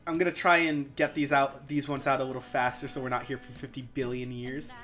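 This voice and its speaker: A woman's voice: extremely low pitch, little pitch movement, a bit bright, soft background music. A woman leading a casual debate chat, reading out points and keeping things moving. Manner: brisk, moves things along.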